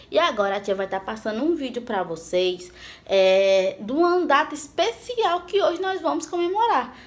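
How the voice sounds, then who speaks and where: Primary teacher, woman, unhurried and patient, sing-song questions to kids. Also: mid-range voice. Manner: asks questions and answers them herself. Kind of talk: remote class lesson for children.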